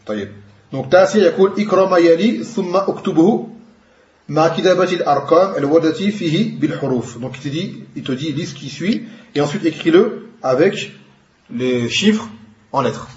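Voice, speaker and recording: A man teaching a grammar class in a fairly high voice, patiently breaking down each rule and switching between two languages as he goes. The sound is echoey and a bit dull, like a lo-fi recording in a bare room. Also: lively intonation, normal speed. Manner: explains patiently, switching between French and Arabic terms. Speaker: Arabic teacher.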